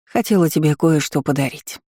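A man reading an audiobook voices a loving, tearful grandmother with a gentle, slow manner. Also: a little high, slightly rough, no echo, studio quality. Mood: tender.

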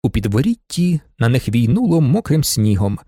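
A man narrates an audiobook from a script, telling the story expressively at a moderate pace. His voice is mid-range, and the studio recording is clean and dry.

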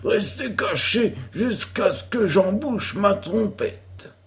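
Guy doing a high bossy kid voice, a bold boy hero barking orders in a storybook, bouncy and up-and-down. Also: lively intonation, slow pace. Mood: commanding. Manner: theatrical, commanding. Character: bold young boy hero playing outlaw.

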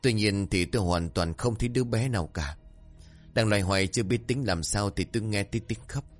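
Low-pitched male narrator for a scripted horror tale, measured delivery. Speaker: storyteller. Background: soft music.

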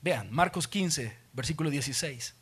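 A man's voice: fairly high pitch, animated, moderate pace, fairly bright tone, slightly rough. A man with a Salvadoran Spanish accent preaching a sermon in a church auditorium, telling the story dramatically and acting out the scenes. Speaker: pastor.

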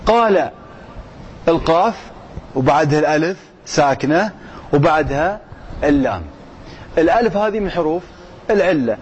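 Man a high voice, grammar lesson, quizzes students. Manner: quizzes listeners, reads the text slowly then explains. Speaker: Arabic grammar teacher. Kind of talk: explaining a grammar text. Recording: dull lo-fi sound with faint noise.

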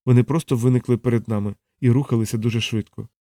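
A man voicing a shocked male hunter who speaks in a flat, toneless voice. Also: mid-range voice, quick pace, no echo, clean studio sound, close to an everyday voice. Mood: numb.

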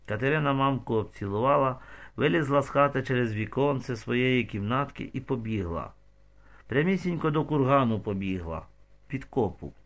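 Male audiobook narrator, dramatic storytelling, middle pitch. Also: lively intonation, normal speed, a bit bright.

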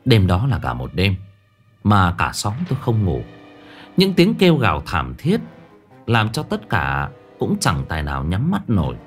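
A man's voice: deep voice, huge pitch swings, unhurried. A man narrating a first-person horror story in a dramatic, tense way. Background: faint music.

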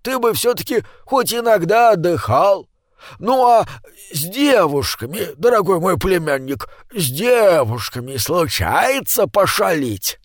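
A man's voice: high voice, very animated, unhurried, no echo, clean studio sound, voice pushed up, full character voice. A man doing a sly, drawling old uncle. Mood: teasing. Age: older.

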